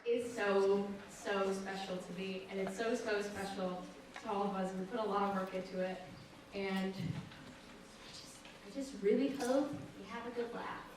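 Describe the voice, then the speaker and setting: A woman's voice: medium pitch, steady tone, unhurried, heavy background noise. A young woman, the show's writer and director, giving a nervous, rambling curtain speech before a student play. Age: young adult. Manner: rambling, chatty and self-conscious. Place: theater stage. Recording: echoey hall from far off with audience.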